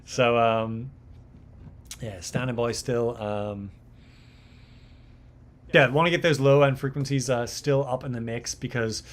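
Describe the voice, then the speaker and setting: Speaking at a measured pace with frequent pauses, this young mixing engineer keeps a steady tone and a medium pitch. He's hosting a live mixing stream and chatting casually, wandering off track with many fillers and repeated words.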